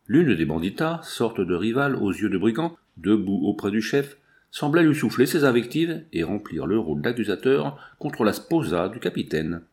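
A man reading a novel aloud as an audiobook narrator, in steady, measured storytelling. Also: on the low side. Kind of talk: scripted narration.

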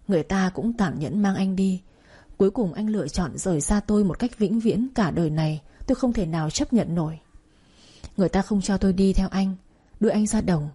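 A woman narrates a sad audiobook story at a measured pace. Her voice is mellow and dark, with a breathy edge. The telling stays sorrowful and emotional throughout. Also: medium pitch.

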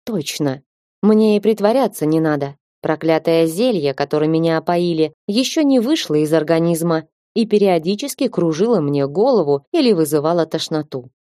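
A woman narrating a fantasy audiobook in the first person, with lively, ironic storytelling. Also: deep voice, normal speed, no room sound, clean studio sound.

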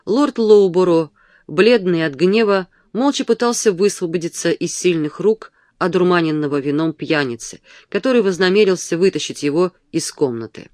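A reader narrating an audiobook in a steady, measured storytelling manner. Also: mid-range voice, no echo, studio quality.

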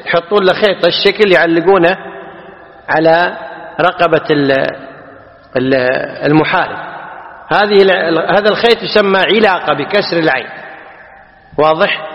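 A man teaching a class on a classical text. He explains slowly, repeats key words and quizzes his listeners. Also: high-pitched. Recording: dull, echoey hall.

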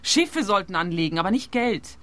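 A woman's voice: medium pitch, very animated, moderate pace, fairly bright tone. A cool young female suspect from a radio crime drama. She has a mid-range voice and answers bluntly and flippantly, never rattled. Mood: cynical.

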